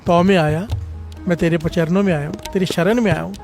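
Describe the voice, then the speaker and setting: High-voiced male preacher calling out refrains. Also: fairly even intonation, fast talker, darkish tone, faint music behind. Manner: calls out refrains for congregation response. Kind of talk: devotional sermon with storytelling.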